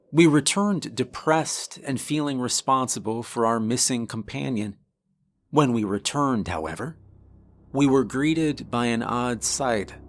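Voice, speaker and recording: Male narrator, slow measured delivery, scripted story reading. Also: medium pitch. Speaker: minister.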